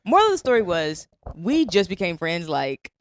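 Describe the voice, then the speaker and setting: A woman's voice: fairly low pitch, sing-song, normal speed, no echo. A woman in her twenties hosting a podcast, chatting casually and teasing her guest in a playful way. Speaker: podcast host. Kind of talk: casual conversation. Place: indoors, on a couch.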